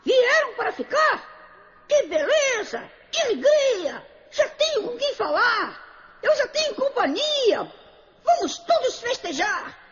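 A woman's voice: very high-pitched, very animated, takes it slowly, a bit bright, dull audio, exaggerated voice. A woman voicing a lonely young male parrot in a children's musical story, talking in an eager, sing-song way. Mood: overjoyed.

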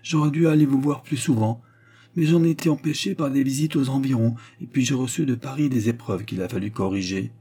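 A man's voice: medium pitch, a little fast, warm tone, slightly rough, pitched above the performer's own voice, close to an everyday voice. A man voicing a polite but stubborn young man defending himself. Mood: earnest.

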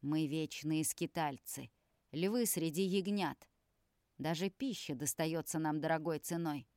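Woman doing a harsh bossy vampire dad type, lowish voice, hisses orders, dry sound. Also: a little slow, darkish tone, no room sound. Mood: cold stern. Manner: hissing, commanding, lecturing. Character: stern domineering male vampire elder, cold and harsh.

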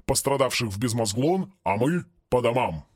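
A man's voice: mid-range voice, expressive, moderate pace, slightly rough, no room sound, clean studio sound. A man voicing an exasperated sarcastic investigator. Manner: sarcastic, scolding. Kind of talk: audiobook character voice.

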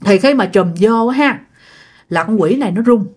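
A woman's voice: medium pitch, lively intonation, moderate pace, a little mellow, husky. A woman telling a ghost story in a chatty way, often addressing her listeners directly. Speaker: storyteller host. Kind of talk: casual ghost-story narration.

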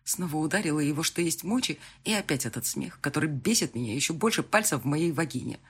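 A woman narrating a first-person romance audiobook expressively, jumping to high, loud lines in the dialogue. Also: lively intonation, fast, breathy edge.

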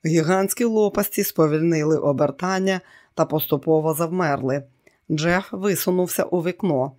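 Steady audiobook thriller narrator. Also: mid-range voice, moderate pace.

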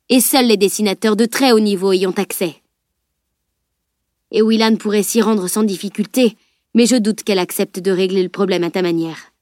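A woman voicing a seasoned male weapons master who explains things calmly and firmly, in an audiobook. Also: mid-range voice, dry recording, studio quality, close to an everyday voice. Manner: calm, explanatory, firm. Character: grave grown man, seasoned weapons master.

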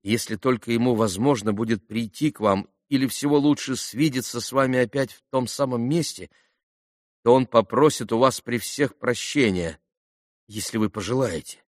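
A man voicing a gentle, quiet, earnest young man in an audiobook, speaking softly and calmly. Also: medium pitch, normal speed, dry recording, clean studio sound, lightly acted. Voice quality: soft, calm.

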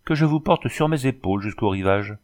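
A man's voice: mid-range voice, lively intonation, a little fast, a little mellow, close to an everyday voice. A man reading an audiobook, voicing a talkative former cavalryman who is exclamatory and endlessly apologetic. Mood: polite. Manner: chatty, overly polite, exclamatory. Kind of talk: audiobook character voice.

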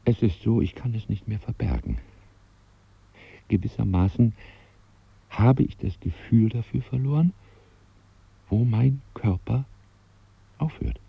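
A man's voice: expressive, measured pace, vocal fry, long pauses, slightly rough, no room sound, highs cut off, heavily acted. An actor playing a self-conscious man who narrates his unease with his own body, in a radio drama. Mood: brooding. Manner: brooding inner monologue, bursts into shrill rage. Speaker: first-person narrator of a radio play.

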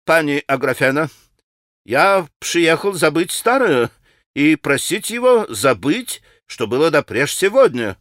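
Man doing a pompous Polish gentleman. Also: a little high, big pitch swings, a little slow, no room sound, studio quality. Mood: pompous indignant. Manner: pompous, haughty, indignant. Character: proud touchy Polish gentleman suitor.

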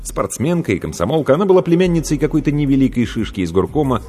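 Husky man reading a story, animated, reverb-heavy with soft music behind. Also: medium pitch, fast. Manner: expressive storytelling. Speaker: narrator. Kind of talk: audiobook narration. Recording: long reverb, faint music.

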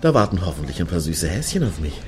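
In a satirical radio play, a male actor with a low voice plays a crude, grumbling, pedantic clubgoer. He speaks at a quick pace, very animated, blunt and full of opinions.

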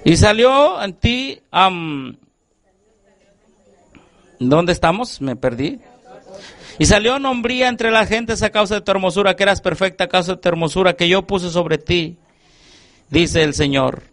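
A man with a high-pitched voice delivers a sermon at an unhurried pace. He reads scripture with weight and keeps asking the congregation questions so they answer back. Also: expressive, fairly bright tone. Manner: quizzes the congregation with repeated questions; reads scripture aloud with emphasis. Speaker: preacher.

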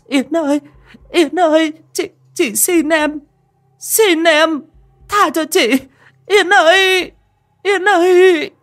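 A woman's voice: very high-pitched, steady tone, slow pace, fairly bright tone, exaggerated voice. A woman voicing a terrified young wife who pleads desperately in a horror audiobook. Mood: pleading.

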